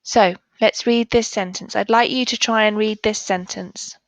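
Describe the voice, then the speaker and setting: A woman teaching a phonics lesson to young children, sounding out letters and words slowly and clearly. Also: medium pitch, steady tone, dry recording, poor audio. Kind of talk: primary school phonics lesson.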